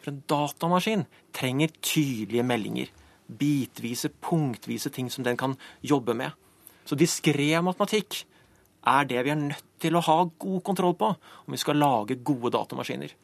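A man's voice: medium pitch, animated, vocal fry, no echo. A male guest in a studio news interview, explaining mathematics playfully through everyday examples. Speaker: studio guest, science communicator.

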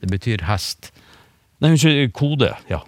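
A man explaining word sounds in a relaxed radio conversation, with frequent fillers and restarts. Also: mid-range voice, no echo. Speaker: phonetics expert. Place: radio studio.

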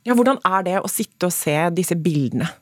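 A woman radio host asking calm, gentle questions and introducing segments. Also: fairly low pitch, no room sound. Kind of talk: radio interview and program hosting.

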